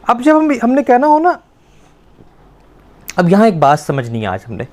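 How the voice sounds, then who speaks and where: A man's voice: high voice, wildly swooping pitch, a little mellow. Male Persian teacher, drilling children patiently with questions. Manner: patient, repeats words slowly to drill pronunciation; asks the pupils questions and praises answers.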